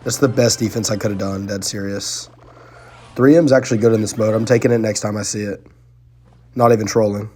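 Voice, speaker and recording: A young man giving casual, excitable live commentary on his own gameplay, talking slangily to his viewers. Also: fairly low pitch, brisk. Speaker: gaming channel host. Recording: faint music underneath.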